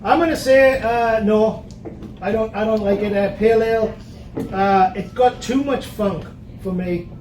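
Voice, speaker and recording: Unhurried and a little mellow, his voice sits high as this Newcastle host leads a casual beer tasting full of jokes and fillers. There's slight background noise, crowd chatter, and echo from a distant mic.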